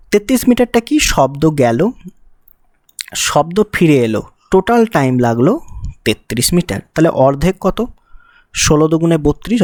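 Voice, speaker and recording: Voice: medium pitch, a little mellow, no room sound, studio quality. A physics teacher gives an exam-prep lesson. The teacher explains step by step, mixes English technical terms into the talk and asks the student rhetorical questions.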